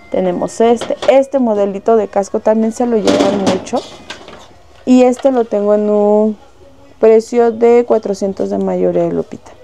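Mellow-voiced Mexican saleswoman. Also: mid-range voice, slight background noise. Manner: lists wholesale prices, fond of diminutives. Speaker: shop saleswoman. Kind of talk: casual product showcase. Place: shop indoors.

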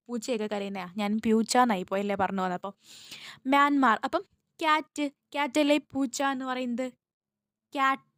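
A woman's voice: fairly high pitch, a bit bright, dry recording, studio quality. Woman drilling exam facts. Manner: repetitive, drills facts, asks and answers her own questions. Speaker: exam coaching teacher. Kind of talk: exam-prep lesson.

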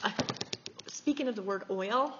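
A woman's voice: mid-range voice, normal speed, pushed and bright. A woman, chatting and giggling as she gushes over gifts in a vlog. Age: 40s. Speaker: beauty vlogger. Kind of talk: casual chat showing gifts. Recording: echoey, slightly dull with faint hiss.

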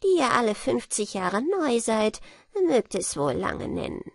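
Storybook dwarf king, voiced by a woman: old, stern, slow, husky and gravelly. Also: fairly high pitch, sing-song, no room sound, clean studio sound, pitched above the performer's own voice, full character voice. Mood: solemn.

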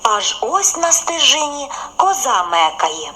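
A woman narrating a children's folk tale in an expressive, sing-song way. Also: high-pitched, slow pace, rough recording. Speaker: storyteller.

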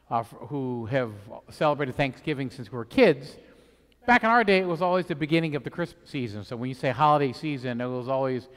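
A middle-aged man speaks as a priest at a church service. His voice sits in a medium register and rings with a long cathedral echo. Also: mid-range voice. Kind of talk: gospel reading and homily. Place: inside a church. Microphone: headset microphone. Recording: long echoing church reverb.

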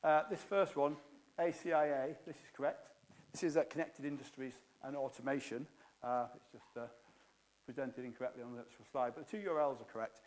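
A man's voice: mid-range voice, steady tone, fairly quick, a little mellow. A middle-aged man giving a technical keynote on a conference stage, explaining with jargon and frequent fillers. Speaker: keynote speaker.

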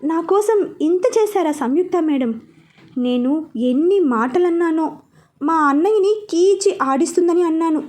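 A woman's voice: very high-pitched, animated, a little slow, darkish tone. A woman voicing a remorseful young woman in a storybook reading. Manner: moved, regretful.

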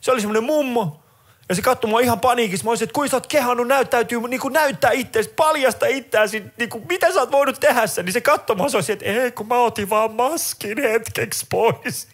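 A middle-aged man with a Finnish accent performing a stand-up comedy set, telling stories in an animated way and jumping into high voices for characters.

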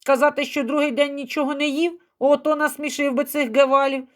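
Storybook street urchin, cheeky and theatrical, voiced by a woman, pitched high. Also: level tone, brisk, close to an everyday voice. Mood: defiant. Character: cheeky hungry street boy, quick-witted.

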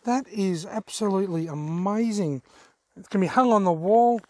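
Out on a bushland dirt track, a fishing vlogger and host in his forties chats to camera in an Australian accent, effusive and enthusiastic. His voice sits high and a little mellow, at a moderate pace, in a dry recording.

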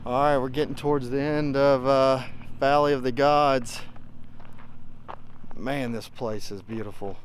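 A man's voice: mid-range voice, steady tone, measured pace, slight background noise. A man hosting a casual travel vlog outdoors in the desert, talking with easygoing enthusiasm. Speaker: vlog host.

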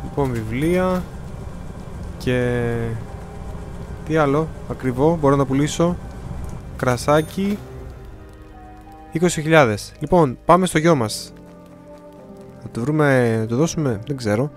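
A man's voice: on the high side, long pauses, faint music behind. A young man giving casual gameplay commentary, chatty and often reading the game's dialogue aloud in changing voices. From Greece. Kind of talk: casual let's-play commentary.

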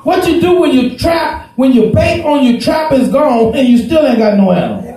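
A middle-aged pastor preaching at a strikingly high pitch, shouting and chuckling through his lines. His handheld mic carries a heavy, booming echo in a small church, with the congregation calling back behind him. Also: normal speed, a crowd in the background. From Houston, Texas. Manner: preaching with call-and-response, shouting and laughing. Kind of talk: sermon. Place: small church with curtain backdrop. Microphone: handheld microphone. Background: congregation responding.

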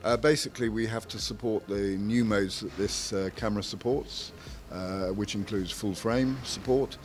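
Brief: deep-voiced male spokesman, measured and hesitant. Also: fairly even intonation, faint music behind. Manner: measured, frequent "uh" pauses between phrases. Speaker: camera maker's representative. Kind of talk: technical product interview.

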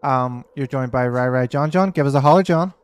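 A man's voice: mid-range voice, brisk, clear, resonant tone. A man co-hosting a casual let's-play video, teasing his friend and joking crudely as they play. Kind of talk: casual gaming banter.

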